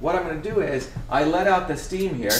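A man's voice: on the high side, expressive, a little fast, noisy background. A middle-aged man from India, talking while he cooks in his home kitchen, emphatic and lecturing, often asking "okay?" to drive his points home. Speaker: host. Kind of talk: casual talk while cooking. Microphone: camera across the kitchen. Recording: echoey kitchen room.

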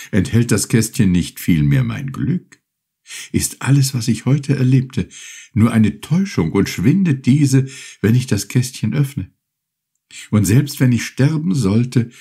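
A man's voice: lowish voice, creaky, dark tone, slightly rough, pitched above the performer's own voice, heavily acted. A man voicing a lost, despairing young male fisherman who speaks in a raised, pleading voice. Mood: brooding.

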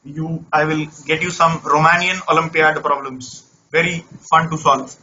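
A man's voice: on the high side, fairly even intonation, normal speed, bright, forceful tone, dull audio, slight background noise. A man from India teaches an interactive online maths lesson conversationally, often repeating words and phrases. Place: online class over screen share.

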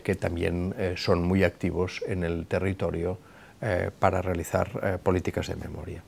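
A middle-aged man giving a formal talk to camera from his office, speaking in a measured way with frequent hesitations, on a lapel mic. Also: low voice, gravelly, darkish tone. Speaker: director of a memorial institution, giving a talk. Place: office with a flag behind him.

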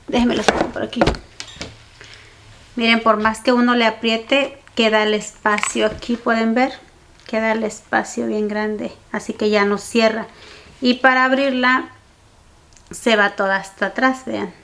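A woman's voice: fairly high pitch, flat delivery, a little slow, pauses often, a bit bright, slight background noise. A woman in her forties chatting to her viewers in a casual home vlog, exclaiming as she goes. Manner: chatty, exclaiming, addresses viewers as "mis chicas". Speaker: vlogger. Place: home kitchen and dining room, indoors. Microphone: camera on tripod and handheld camera. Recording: home vlog with clear kitchen clatter.

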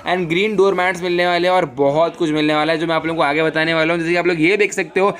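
A man doing a fast promotional voice-over for a shop, with a salesy pitch and a repeated "dude". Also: steady tone, a bit bright. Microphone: voice-over over photos.

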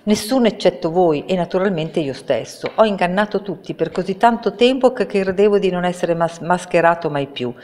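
A woman's voice: fairly low pitch, lively intonation, brisk, hardly any pauses, darkish tone, lightly acted. A woman voicing a little bald old man posing as a great wizard, stammering and pleading. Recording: reverberant room.

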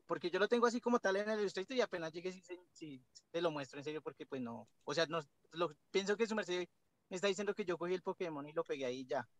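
Male student, hesitant and defensive, fairly high voice, dry sound. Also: quick pace, no room sound, rough recording. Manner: hesitant, defensive, explaining himself. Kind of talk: class discussion.

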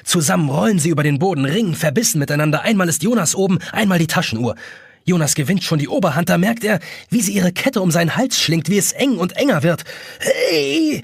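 A man's voice: high-pitched, animated, fast talker, vocal fry, husky, dry recording, studio quality. A man reading an audiobook as narrator, telling the story expressively. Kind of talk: scripted narration.

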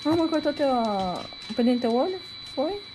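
A woman's voice: high voice, very animated, moderate pace, noisy background. Woman cooing baby talk at dogs. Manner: cooing, sing-song, repetitive. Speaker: vlogger talking to her pets. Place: home with dogs around.

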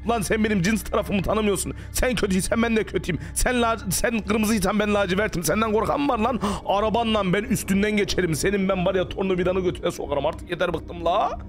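A man's voice: high voice, fairly quick, hardly any pauses, soft background music. A man giving panicky, jumpy let's play commentary on a horror game, full of sworn exclamations. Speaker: gaming streamer.

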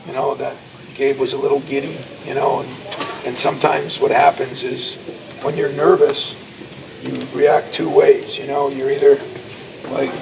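Outside a locker room after a game, a college basketball coach in his sixties takes questions from a crowd of reporters, emphatic and full of anecdotes. His voice is medium in pitch with little movement, a moderate pace, and vocal fry. The clip sounds distant: a cluster of handheld mics sits close, yet in the noisy hallway the mic is a step away.

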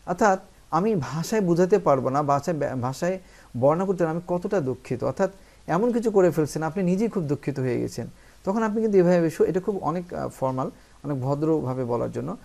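A man from Bangladesh giving a spoken English lesson, his voice gravelly and slightly high. He explains each phrase patiently in Bengali, then reads the English lines slowly and deliberately, with frequent hesitant fillers. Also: lively intonation, darkish tone. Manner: frequent "ah" fillers, asks "ঠিক আছে?". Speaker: English teacher.

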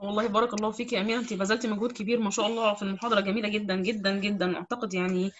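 A woman's voice: mid-range voice, level tone, very fast, slight background noise. A woman with an Egyptian Arabic accent moderating an online lecture. She thanks the speaker politely and passes questions to her. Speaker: session moderator. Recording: slightly dull lo-fi call audio.

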